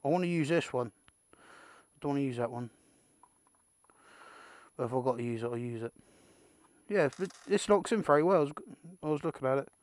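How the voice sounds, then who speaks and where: A British man presents a casual, unscripted product unboxing for his amateur video, rambling, muttering asides to himself and letting slip the odd mild swear. His mid-range voice is brisk, with long pauses and no echo.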